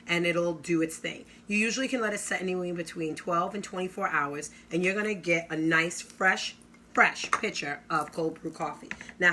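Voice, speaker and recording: Bright, enthusiastic woman demoing kitchen gadgets. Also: fairly low pitch, slight background noise. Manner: enthusiastic salesy, drawn-out exclamations. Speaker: product demonstrator. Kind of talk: live kitchen product demo.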